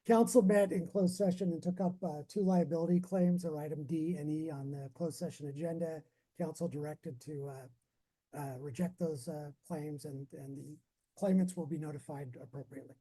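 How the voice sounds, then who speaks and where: A man, the city attorney, giving a formal report to a council meeting over a muffled, faint remote audio feed, halting with frequent fillers. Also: on the high side, steady tone, warm tone. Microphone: remote connection.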